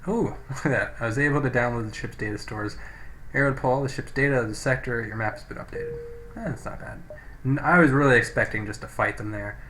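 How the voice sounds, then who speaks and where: Expressive and brisk, this man's medium-pitched voice has a sharp tone, with a little hiss or hum in the audio. He's hosting a let's play, musing aloud and reading the game's text casually through a poor-quality mic.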